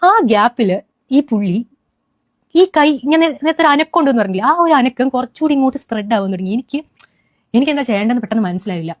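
A young woman with a high voice, originally from Kerala, India, gives an eyewitness account of what happened to her. She talks fast and animatedly, restarting often, and the clip has no room sound.

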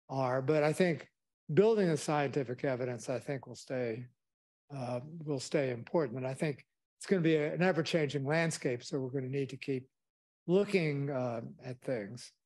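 An older man lecturing in a rambling, reflective, halting way, as a professor advising students. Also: medium pitch, a little mellow. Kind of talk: public lecture, advice to students. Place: indoor lecture room. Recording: echoey lecture room.

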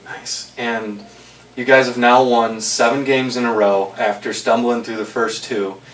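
A young man hosting a sports post-game report, asking brisk, plain questions into a handheld mic in a small office. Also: medium pitch, little pitch movement. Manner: brisk, scripted intro then plain questions. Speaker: host, interviewer. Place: small office with trophy shelves, indoors. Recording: echoey room, mic a bit far off.

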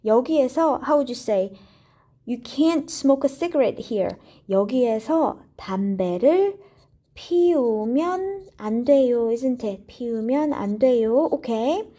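Slow, mellow woman teaching Korean. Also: fairly high pitch, expressive. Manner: explains grammar in English, models Korean lines slowly and clearly; plays both roles in short dialogue drills. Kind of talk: slow bilingual lesson with repeat-after-me drills.

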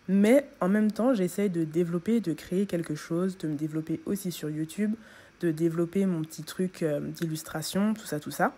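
A woman's voice: on the low side, dark tone. A young woman vlogging in a casual chat, talking straight to the viewer. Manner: chatty, talks straight to the viewer. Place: at home.

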